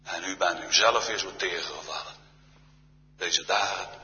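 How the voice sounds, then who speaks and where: A man's voice: low-pitched, measured pace, bright, forceful tone. A man preaching a solemn church sermon, often sinking to a near-whisper. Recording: reverberant church hall, dull sound.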